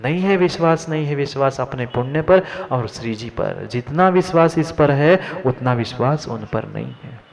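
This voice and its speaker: A man's voice: mid-range voice, lively intonation, moderate pace, vocal fry. A man giving a Jain sermon, addressing listeners by name and repeating his lines for emphasis. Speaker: Jain monk preacher. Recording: dull lo-fi sound.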